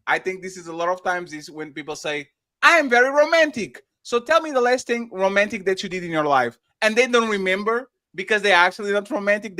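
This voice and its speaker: Bright, high-voiced man with a Russian accent. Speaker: panelist. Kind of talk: panel debate.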